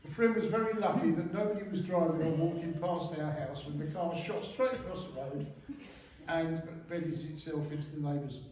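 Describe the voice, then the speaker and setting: A man's voice: on the high side, normal speed, darkish tone. A middle-aged man gives an informal, humorous father of the bride speech with dry, teasing delivery. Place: large reverberant room at a wedding reception. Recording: very echoey hall, distant mic, noisy room. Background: guests laughing, background noise.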